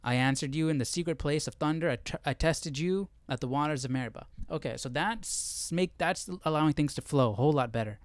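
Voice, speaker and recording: Fairly high-pitched and a little fast, with few pauses and no room sound, a man hosts a casual Bible study on a livestream. He works through passages step by step, reading them aloud and thinking out loud informally.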